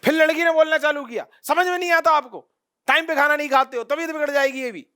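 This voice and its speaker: Male coaching teacher, very high, bright voice, animated storyteller. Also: fast. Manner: lively storytelling, addresses students directly. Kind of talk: classroom lecture with acted-out anecdotes.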